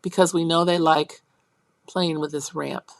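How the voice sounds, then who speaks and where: A woman instructor giving a college lecture on early childhood teaching, explaining step by step, checking in with her class and acting out teacher and child lines in a high, animated voice. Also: unhurried, gravelly, no echo.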